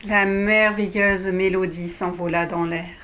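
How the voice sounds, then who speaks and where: A woman reading a children's storybook aloud, expressive, sometimes dropping toward a whisper. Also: mid-range voice, unhurried.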